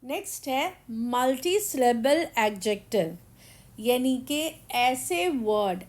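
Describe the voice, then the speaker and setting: Woman teacher going through grammar examples, high voice, super slow and careful. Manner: slow, deliberate explanations, with the English examples spoken very slowly. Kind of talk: grammar lesson.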